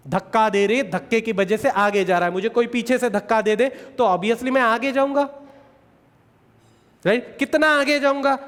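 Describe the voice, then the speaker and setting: A man giving an exam coaching lecture, repeating key points, asking the class rhetorical questions and slowing down to dictate definitions. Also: sits high, long reverb tail. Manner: slows to dictate English definitions.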